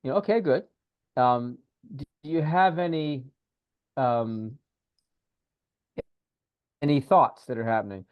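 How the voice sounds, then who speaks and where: A man co-hosting a casual podcast, talking in an animated, repetitive way and coaching a listener through a guided breathing exercise over a video call. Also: mid-range voice, slow pace, long pauses, clear, resonant tone, no echo, muffled recording. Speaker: podcast co-host, spiritual teacher.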